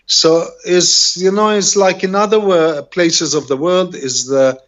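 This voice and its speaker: A man's voice: high voice, steady tone, a bit bright. A middle-aged man from Israel with an Israeli accent, a native Hebrew speaker, talking casually as an interview guest and often searching for words over a video call. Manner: halting, rambling, searching for words. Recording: dull, lo-fi video call audio.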